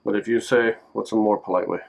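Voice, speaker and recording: A man's voice: fairly low pitch, quick pace, creaky, rough recording. Joking man teaching simple phrases. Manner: relaxed, joking, repeats words to drill them. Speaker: language teacher. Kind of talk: casual language lesson. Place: Japan.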